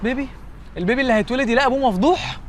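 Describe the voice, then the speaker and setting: An actor playing an anxious young husband in a TV comedy, speaking with an Egyptian Arabic accent in a flustered, exasperated way. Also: male voice, very high voice, racing, slight background noise. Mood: panicked. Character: frazzled young husband, anxious and quick to panic. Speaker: software engineer husband. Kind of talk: TV comedy series acting.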